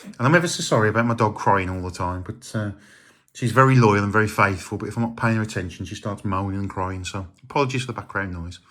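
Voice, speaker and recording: Middle-aged man, slightly low register, casual rambling vlog delivery, plenty of filler words. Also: quick pace. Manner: relaxed, rambling, many ums and uhs. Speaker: retro game collector.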